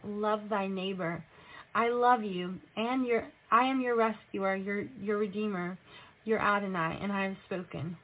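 A woman delivering religious prophecy and scripture in a solemn, admonishing manner. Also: medium pitch. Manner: solemn, admonishing, rhetorical questions. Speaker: self-styled prophetess delivering a message as God. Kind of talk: prophetic proclamation and scripture reading. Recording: tinny, phone-like narrow-band audio.

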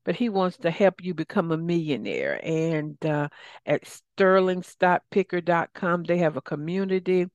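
A woman's voice: fairly low pitch, very animated, normal speed, a little mellow, dry recording, highs cut off. A woman speaking casually as the solo host of a coaching show, rambling conversationally with asides. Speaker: podcast host and life coach.

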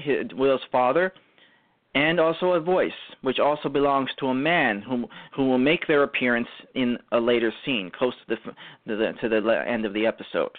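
A man hosts a live radio show in a mid-range voice, using formal, ornate phrasing like a scripted announcement while stumbling haltingly at times. The audio is thin and narrow, like a tinny phone-like internet radio line.

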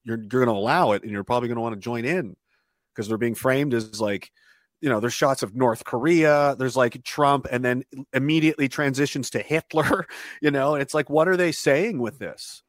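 A man's voice: medium pitch, moderate pace, dry recording, clean studio sound. A man talking as a podcast guest in a casual, rambling way, often restarting phrases and chuckling between thoughts. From Canada.

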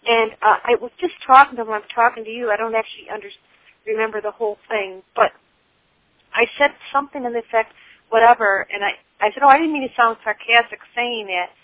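A woman's voice: a little high, fairly even intonation, a little fast, dry recording. A woman calling in to a radio show, talking hesitantly over the phone with many fillers. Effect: phone line on a radio call-in show. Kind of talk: casual call-in talk. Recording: tinny phone line, dry.

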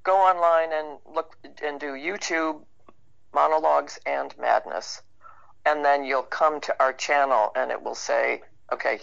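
With an extremely low, gravelly and slightly bright voice, a woman who acts and writes talks casually and reflectively as an interview guest. She's informal and plain-spoken, and the recording has a dull, lo-fi online-call quality.

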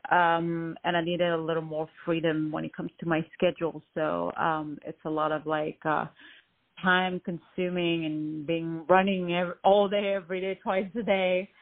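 Her voice is fairly low and level, at a normal speed, as this woman musician from Lebanon, who grew up in France, answers interview questions hesitantly and with many fillers. The recording sounds like a tinny phone line.

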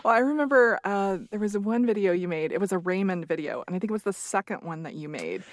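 A woman's voice: mid-range voice, lively intonation, fast talker, dry recording. A woman hosting a podcast, chatting in an encouraging way with lots of "mm-hmm" and "um". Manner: warm and encouraging, frequent "mm-hmm" and "um". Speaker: podcast host. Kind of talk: casual interview chat.

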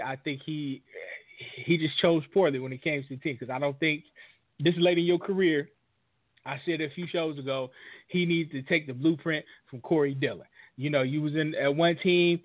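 A man with a slightly high voice gives measured, wry takes on football. He thinks aloud as he talks. The sound is dry and tinny, like a phone call. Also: no room sound. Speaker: podcast co-host. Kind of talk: casual sports talk.

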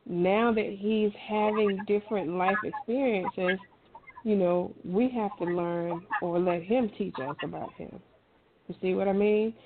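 A middle-aged woman talks a little slowly, her mid-range voice holding a steady tone. Her casual, colloquial advice is emphatic and encouraging, heard through thin, phone-like audio with clear noise.

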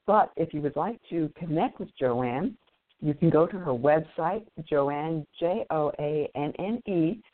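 A woman hosting an online show, wrapping up an interview in an upbeat, chatty way and laughing easily. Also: sits low. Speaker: podcast host. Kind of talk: casual interview wrap-up. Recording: tinny phone-like audio.

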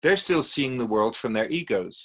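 A man with a medium-pitched, natural voice plays a calm, wise, otherworldly keeper of souls, appearing as a guest in a radio drama. He teaches in a measured, explanatory way, sounding firm as he explains. The audio has phone-quality sound.

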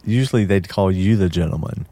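A man's voice: deep voice, fairly quick, mellow, no echo. A man co-hosting a political chat show, blunt and sarcastic, swearing casually. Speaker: co-host.

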